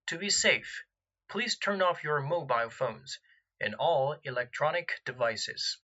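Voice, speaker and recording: A man delivers airline cabin announcements in a formal, measured, template-like way. His voice is bright and forceful. The recording sounds slightly dull and lo-fi. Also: a little high. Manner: formal, measured template reading with gaps for details. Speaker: in-flight announcer.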